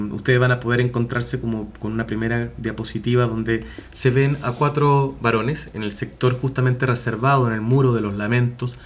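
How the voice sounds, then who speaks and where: A man giving a recorded university class, talking with many fillers, self-corrections and rhetorical tag questions. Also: medium pitch. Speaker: university lecturer. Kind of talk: recorded online class lecture.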